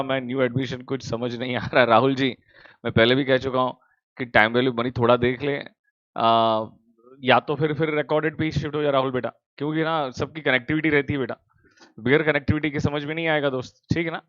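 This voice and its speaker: A male commerce teacher, at home, in casual chat with students before an online class, teasing them warmly. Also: medium pitch, no room sound. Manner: teasing, affectionate, calls students beta. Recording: dull, dry lo-fi sound.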